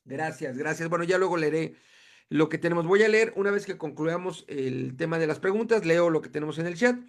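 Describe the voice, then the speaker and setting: A man moderating an online panel, introducing each speaker warmly and courteously over a video call. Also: a little high, a little fast.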